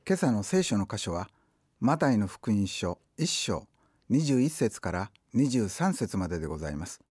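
A man's voice: lowish voice, very animated, normal speed, a little mellow, breathy edge, dry recording, clean studio sound. A man with a Kansai accent preaching a sermon as a pastor, moving from formal phrasing into dialect asides.

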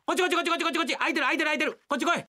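A blunt, boisterous middle-aged husband, put on by a woman telling rakugo, speaking broad Kansai dialect. His pitch swings widely as he blurts things out. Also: big pitch swings, exaggerated voice. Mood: excited. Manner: blunt, boisterous, quick to shout. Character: bumbling loud middle-aged Osaka husband. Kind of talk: rakugo storytelling.

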